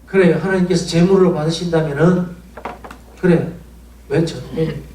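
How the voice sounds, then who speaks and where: High-voiced pastor preaching. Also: male voice, normal speed, warm tone, slight background noise. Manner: emotional storytelling with pleading rhetorical questions. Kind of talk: sermon. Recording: roomy church sound, mic at a distance, faint ambience.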